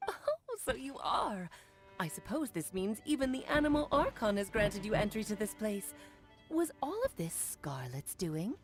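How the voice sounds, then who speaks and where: A woman's voice: medium pitch, sing-song, measured pace, music in the background. An actress playing a playful, worldly mage mother in a video game, with a theatrical storytelling manner. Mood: playful, warm.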